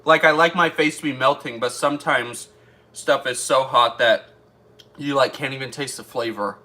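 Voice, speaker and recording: A man's voice: mid-range voice, normal speed, bright, forceful tone. A man chatting through a casual taste-test vlog, thinking aloud as he eats. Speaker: food reviewer.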